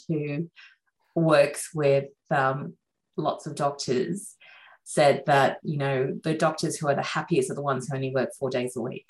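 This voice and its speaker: Low-voiced woman surgeon, chatty and reflective. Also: poor audio. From Sri Lanka. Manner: chatty, reflective, frequent fillers. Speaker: surgeon guest. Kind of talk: relaxed interview conversation.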